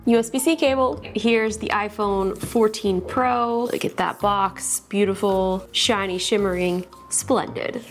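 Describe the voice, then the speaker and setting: A woman hosting a casual unboxing vlog from her own studio, bubbly and excitable and gushing over what she unpacks. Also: mid-range voice, unhurried, hardly any pauses, faint music behind. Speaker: tech YouTuber host.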